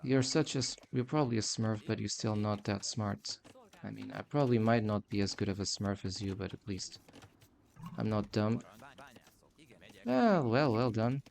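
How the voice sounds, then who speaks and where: A man's voice: fairly low pitch, expressive, normal speed, vocal fry, darkish tone. A man streaming live gameplay commentary, sarcastic and complaining as he plays.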